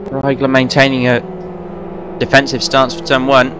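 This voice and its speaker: A man giving fast, running play-by-play commentary on a sim race, now and then correcting himself. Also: mid-range voice, monotone. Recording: race car engine noise behind voice. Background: racing car engines.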